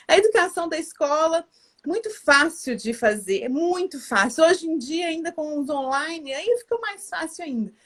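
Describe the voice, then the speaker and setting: A woman, hosting a live stream in a chatty way with many fillers and restarts. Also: high voice. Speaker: live stream host, educator. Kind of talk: casual live stream chat.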